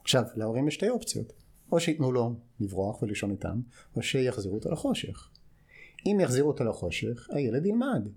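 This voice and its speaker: A U.S. clinical psychologist, interviewed as a guest, explains concepts in an instructive way and keeps asking short check-in questions. His American-accented voice is medium in pitch, warm and slightly rough, swinging widely up and down.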